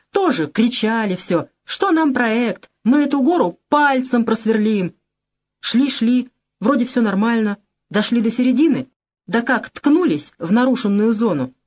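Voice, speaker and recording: Curt middle-aged official, male, read by a woman, lively delivery, storybook reading. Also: on the high side, voice pushed up. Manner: brusque, lecturing.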